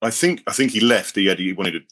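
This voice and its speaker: A man from with a deep, resonant bass voice, chatting casually and laughing easily as an interview guest. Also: fast talker, bright, forceful tone. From London. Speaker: guest singer.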